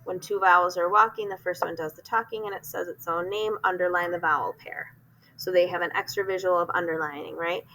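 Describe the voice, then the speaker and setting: Woman teacher, clear bright tone, step-by-step explaining, lots of ums and restarts. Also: lowish voice, steady tone, fairly quick, slight background noise, rough recording. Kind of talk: instructional explanation.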